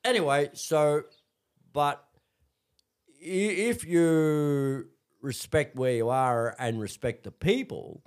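A man's voice: fairly high pitch, slow, smooth. Rambling Australian man telling stories. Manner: rambling, full of fillers and restarts. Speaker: interview guest. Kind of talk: casual storytelling.

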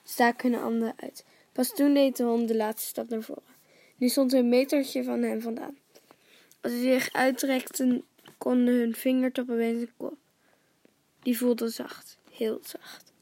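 Female storyteller for a children's book: calm, even, gravelly, dry close sound. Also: fairly high pitch, moderate pace, no room sound. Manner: calm and steady, dropping to a near whisper at times, with small reading slips. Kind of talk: reading a children's story aloud.

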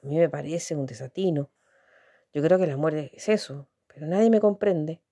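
Female reader doing a blunt lonely young woman, low mellow voice, candid and halting, storybook reading. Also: no room sound. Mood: wistful. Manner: candid, musing, hesitant restarts.

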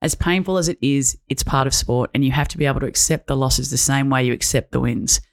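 A woman's voice: a bass voice, fairly even intonation, fast talker. A woman co-hosting a women's sports podcast, chatty and enthusiastic, often restarting her sentences. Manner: chatty, enthusiastic, self-interrupting. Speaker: podcast co-host. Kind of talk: casual sports podcast chat.

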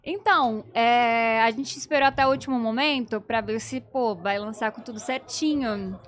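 A woman's voice: fairly high pitch, normal speed. A woman, a podcast guest chatting in a bubbly way. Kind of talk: casual chat.

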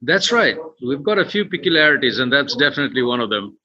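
A podcast guest from western Nepal, founder of a tour company, answers conversationally with a Nepali accent. His mid-range voice is very animated, fast, pushed and bright. The connection is dull and lo-fi, with slight background noise.

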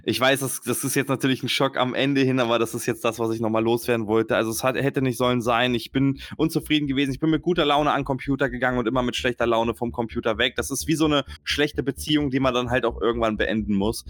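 A man's voice: mid-range voice, steady tone, quick pace, hardly any pauses. Stammering male podcast co-host. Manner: hesitant, stammering restarts, laughs easily. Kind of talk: casual podcast chat.

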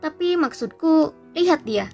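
A woman's voice: high voice, expressive, a little slow, warm tone, soft background music, pitched above the performer's own voice. Woman doing a roaring headless ghost huntsman. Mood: boisterous. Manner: roaring, hearty, mocking. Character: boisterous headless ghost huntsman, loud jokester.

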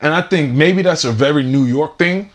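A man's voice: a little high, moderate pace. A man chatting casually and reflectively, thinking aloud in an informal, slangy way.

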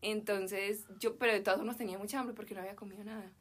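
Her mid-range voice keeps a steady tone while racing along. This young woman from Colombia, speaking Medellín Spanish, chats casually as a podcast guest and shares a slang-filled, emotional story.

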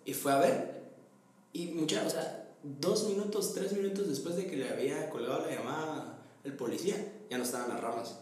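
Young Guatemalan man, animated storyteller, distant mic, roomy echo. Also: a little high, moderate pace. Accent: Guatemalan Spanish. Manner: animated storyteller, laughs often, acts out family members. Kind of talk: casual chat. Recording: echoey room, voice a bit off-mic, faint ambience.

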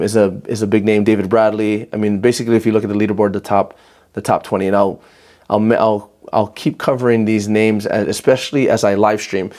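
A man's voice: on the low side, a little mellow. A man hosting a casual podcast, talking in a rambling way with many restarts and fillers. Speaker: podcast host and gym owner.

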